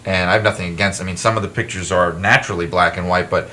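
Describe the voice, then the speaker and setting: Deep-voiced and quick, this man is an author and wrestling historian appearing as a guest on a laid-back talk show. He's an animated, self-deprecating storyteller who often restarts his sentences, and there's slight background noise.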